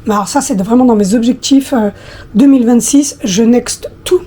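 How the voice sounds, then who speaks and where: A woman in her thirties with a husky, slightly hoarse voice, chatting casually to her viewers with many hesitations. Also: a little high, moderate pace, warm tone. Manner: hesitant, many fillers, talks directly to viewers. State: hoarse after flu, coughing. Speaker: lifestyle vlogger.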